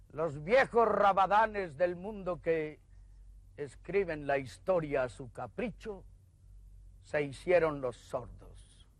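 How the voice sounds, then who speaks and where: A man recites poetry slowly and dramatically, his delivery rising to bold calls and sinking to hushed phrases. The sound is dry and close, with no room around him. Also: high-pitched, no echo. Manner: declamatory, swelling and dropping to hushes.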